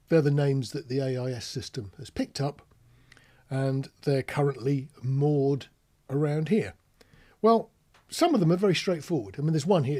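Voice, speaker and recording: This British podcast host and radio instructor has a fairly high, mellow voice. His instructional monologue is casual and chatty, built on examples, with rhetorical tag questions and words spelled out.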